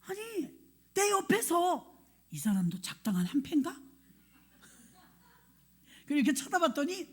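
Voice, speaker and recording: A woman's voice: high-pitched, a little slow, long pauses. A woman pastor giving a sermon, telling a personal story and acting out scenes and her own thoughts. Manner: animated, acts out scenes and quoted thoughts. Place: church sanctuary.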